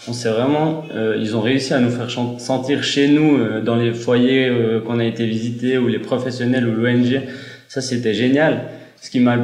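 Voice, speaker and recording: A man's voice: medium pitch, a little mellow, reverberant. A man in his late twenties, a social work student, sharing impressions hesitantly with frequent restarts. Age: 20s. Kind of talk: testimonial to camera. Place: in Benin.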